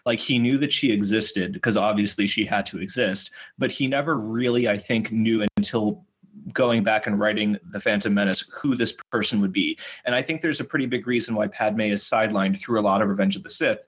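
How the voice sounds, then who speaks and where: A man's voice: on the low side, a little fast, fairly bright tone, slightly rough. A man co-hosting a casual film discussion podcast, wry and analytical, often slipping into mocking impressions. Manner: wry, acts out mocking quotes. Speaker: podcast co-host.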